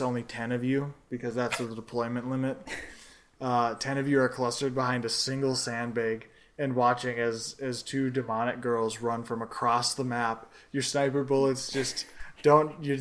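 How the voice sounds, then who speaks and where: A man's voice: mid-range voice, little pitch movement, moderate pace, slight background noise. A man co-hosting a casual podcast from home, telling rambling, jokey stories about a game. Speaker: podcast co-host. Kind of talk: casual chat.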